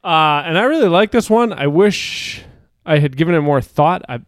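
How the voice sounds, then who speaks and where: Podcast guy, smooth clear voice, playful casual chat, a bit out of breath, dry close mic. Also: a little high, animated, normal speed, dry recording. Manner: playful, laughs often, hums tunes. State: a little out of breath. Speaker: podcast co-host.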